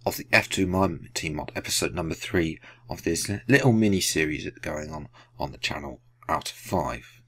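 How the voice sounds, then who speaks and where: This man's voice is extremely low-pitched and moves at a moderate pace with hardly any pauses. He hosts a racing-game video, talking casually over the gameplay, sniffly from hay fever. His manner is rambling and apologetic, with frequent self-corrections.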